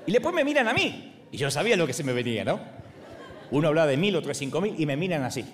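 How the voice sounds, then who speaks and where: Argentine man in his 40s, pastor, comic sermon storyteller, highish voice that swings widely, faint room ambience. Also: fast talker, slight background noise. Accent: Argentine Spanish. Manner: animated, acts out other voices, laughs along.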